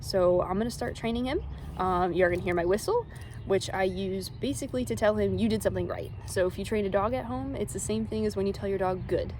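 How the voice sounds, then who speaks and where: A woman with a mid-pitched voice speaks as a zookeeper giving an informal educational demonstration. She explains things in simple, casual terms suited to children. Faint background noise sits behind her voice. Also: fairly quick, darkish tone. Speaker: zookeeper and animal trainer.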